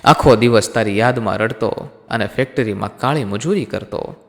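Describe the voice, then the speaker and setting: A man voicing a calm, dying young husband who speaks slowly and softly with sorrow. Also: on the low side, creaky. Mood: gentle sorrow. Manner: slow, soft, sorrowful. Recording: long hall reverb.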